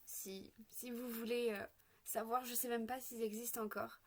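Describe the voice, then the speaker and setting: A woman's voice: on the high side, flat delivery, moderate pace. Chatty woman doing a makeup tutorial. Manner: chatty, hesitant with frequent fillers. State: sick, occasional coughing. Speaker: makeup vlogger.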